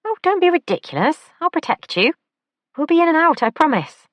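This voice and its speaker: A woman's voice: high-pitched, big pitch swings, brisk, no room sound, highs cut off, pitched above the performer's own voice. A woman voicing a careful young female pastry chef with dry humour in an audiobook.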